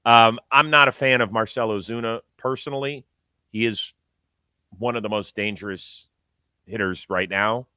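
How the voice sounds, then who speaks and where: A man hosts a sports talk show in a lowish, bright and forceful voice. His commentary is conversational and punchy, recorded close and dry. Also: normal speed, smooth, dry recording.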